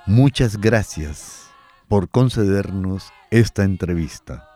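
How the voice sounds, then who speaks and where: Male radio host, slow and low, formal questions, faint music behind. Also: dark tone. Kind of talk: radio interview hosting.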